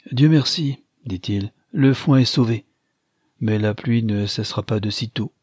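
A man reading an audiobook, voicing a middle-aged country minister in a brisk, matter-of-fact way. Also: on the low side, darkish tone, husky, no room sound, clean studio sound. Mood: practical.

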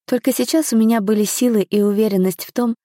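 A woman narrating an audiobook in a calm, measured reading voice, recorded on a close mic. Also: fairly high pitch, no room sound.

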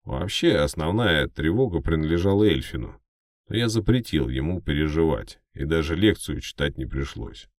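Very deep-voiced male audiobook narrator. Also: expressive, moderate pace, no room sound, clean studio sound. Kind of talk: scripted first-person fiction narration.

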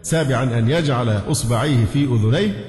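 A man's voice: medium pitch, quick pace, a little mellow, echoey room, in a large hall, soft background music. A man with an Egyptian accent giving a religious lesson, explaining points and testing listeners with rhetorical questions, sometimes chanting short phrases to show correct pronunciation. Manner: demonstrates call-to-prayer pronunciations. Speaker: Islamic scholar teaching.

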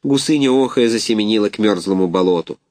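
A man narrating a children's story in an animated, expressive reading. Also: lowish voice, fast, dry recording.

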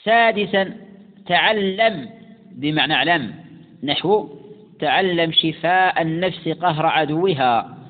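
A man teaching classical grammar, who slowly recites examples and repeats words for emphasis. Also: fairly high pitch, lively intonation. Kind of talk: lesson explaining classical grammar. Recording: tinny phone-like sound with long reverb.

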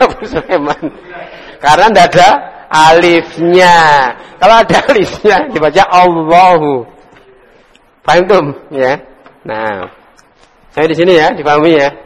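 A man teaching an Arabic class, calling on students by name and drilling words in a casual manner. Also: fairly high pitch. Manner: drills students, calls on them by name, chuckles. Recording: echoey hall.

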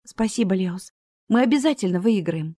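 A woman voicing a bold, quick-tempered young sorceress in an audiobook. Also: mid-range voice, expressive, warm tone, no echo, clean studio sound, natural voice. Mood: spirited. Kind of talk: audiobook character reading.

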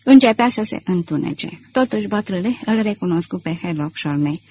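A woman narrating an audiobook in a measured storytelling manner. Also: on the low side, animated, darkish tone, slight background noise. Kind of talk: scripted narration.

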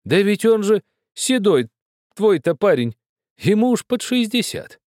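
Man putting on a cheerful old dandy, high voice, loud, teasing, laughing, dry sound. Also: big pitch swings, moderate pace, dry recording. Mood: amused. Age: older. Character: cheerful old dandy mine manager, joking.

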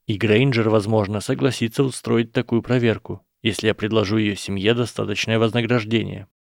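A man voicing an earnest boy wizard who explains things in a measured, persuasive way. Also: lowish voice, steady tone, vocal fry, no room sound, studio quality. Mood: reasoning. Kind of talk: audiobook character voice.

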